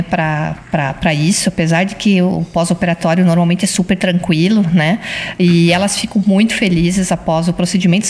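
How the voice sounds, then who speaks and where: Woman doctor, guest, explanatory, tag questions. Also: lowish voice. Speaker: gynecologist. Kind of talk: interview answers.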